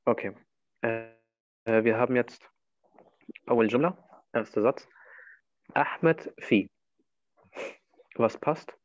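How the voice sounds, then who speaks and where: A man's voice: medium pitch, takes it slowly, long pauses, no echo, muffled recording. A man teaching Arabic in a one-to-one online lesson, patiently walking his student through each answer.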